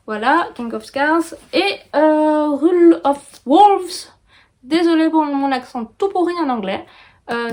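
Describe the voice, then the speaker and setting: A woman in her thirties with a Belgian French accent, chatting casually about books in a vlog, with many pauses and fillers. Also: high-pitched. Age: 30s. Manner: chatty, hesitant with frequent fillers. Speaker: book vlogger. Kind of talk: casual book review vlog. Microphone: phone.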